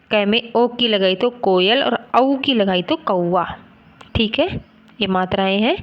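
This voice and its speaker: Woman teacher, slightly high voice, unhurried, patient letter-by-letter explanation. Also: dull audio. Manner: slow, patient explaining, sounding out letters one by one. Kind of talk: grammar lesson.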